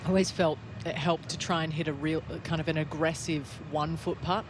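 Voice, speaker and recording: A man with a slightly high voice gives golf commentary as an analyst, talking through play in a conversational way. Noticeable open-air course noise sits behind him. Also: steady tone, fairly quick. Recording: clear outdoor background noise.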